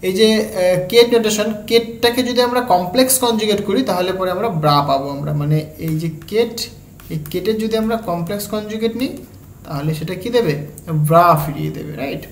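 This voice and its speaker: A woman with a Bengali accent giving an exam-prep physics lecture, breaking each step down slowly and checking in with her students as she goes. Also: medium pitch, animated. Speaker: physics tutor. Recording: echoey room, faint background hum.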